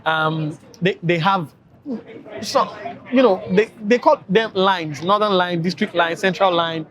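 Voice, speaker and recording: A man's voice: high voice, measured pace, a bit bright. A tired man with a Nigerian accent, chatting casually to camera as a travel vlogger, rambling with many fillers.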